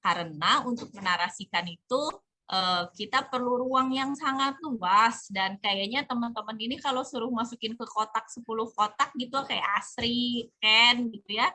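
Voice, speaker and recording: A woman's voice: fairly high pitch, normal speed, bright, forceful tone. A chatty woman hosting an informal online community talk in colloquial speech. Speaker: host of a community webinar.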